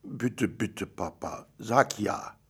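A man's voice: fairly low pitch, lively intonation, slow, fairly bright tone, husky, full character voice. A man voicing a stubborn little girl who pleads and whines to get her way. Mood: pleading. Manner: wheedling and whiny.

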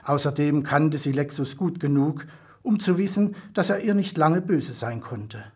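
A man reading a children's story aloud as narrator, with expressive storytelling. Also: a little high, normal speed, breathy edge. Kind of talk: audiobook reading.

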